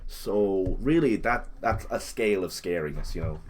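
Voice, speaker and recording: A man's voice: low voice, animated, measured pace, a little mellow. A man casually narrating a tabletop role-playing game, joking and slipping into characters' lines as he goes.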